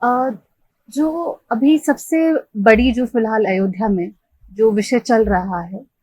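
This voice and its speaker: Husky-voiced woman interviewer, dry room. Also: fairly high pitch, a little mellow, no room sound, poor audio. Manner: polite, measured, hesitant restarts. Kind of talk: interview questions.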